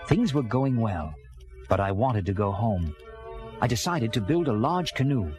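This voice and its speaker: Expressive Robinson Crusoe, castaway captain. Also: male voice, fairly low pitch, moderate pace. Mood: reflective. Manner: earnest, theatrical, expressive. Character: Robinson Crusoe, earnest castaway sea captain recalling his ordeal. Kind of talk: dramatized first-person storybook narration. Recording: music bed under early-1980s children's record. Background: dramatic background music.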